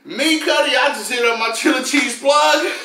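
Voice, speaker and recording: A man hosting his food review channel, opening a mukbang with loud, slangy, hyped shout-outs. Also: very high-pitched, normal speed, faint music behind. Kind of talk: casual mukbang intro. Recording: echoey room, voice a bit far.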